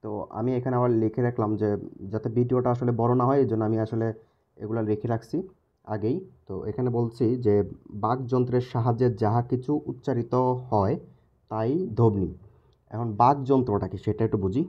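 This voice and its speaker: A man's voice: medium pitch, steady tone, a little fast, dull audio. A man teaching a recorded lesson, repeating key words and checking in with the viewer.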